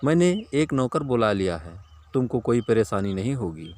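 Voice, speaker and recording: A man voicing a sharp-tongued village wife who nags her husband. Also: lowish voice, expressive, moderate pace, lightly acted. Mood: nagging. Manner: scolding, matter-of-fact.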